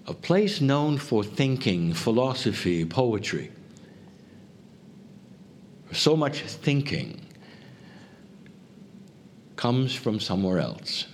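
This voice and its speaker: A man giving a spiritual channeled talk to a group, speaking in deliberate, solemn phrases with pauses. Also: mid-range voice. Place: live before a group. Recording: faint background noise.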